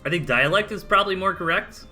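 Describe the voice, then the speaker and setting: A man's voice: high voice, fast talker, sharp tone, faint music behind. A man with a Southern US accent casting a strategy game match live, chatty play-by-play with casual asides. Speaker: esports caster.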